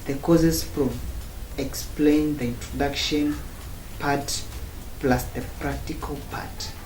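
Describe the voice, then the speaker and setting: A man's voice: on the high side, steady tone, darkish tone. Man in an echoey room. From Tanzania. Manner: slow, halting phrasing in short chunks. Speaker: former student giving a review. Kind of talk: spoken testimonial. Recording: roomy echo, faint background noise.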